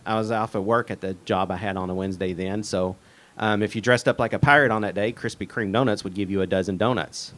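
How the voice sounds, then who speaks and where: Middle-aged guy, kinda low voice, lots of uhs and ums as he chats. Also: steady tone, fast talker, fairly bright tone. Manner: hesitant, many fillers and restarts. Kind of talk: casual interview chat.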